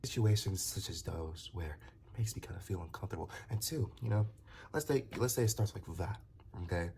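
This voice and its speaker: Deep, brisk, and creaky yet a little mellow, this young man's voice carries a casual, rambling talk-to-camera commentary. Stammering, restarting, and relying on fillers, he becomes heated and emphatic while pushing his argument, with slight hiss or hum present.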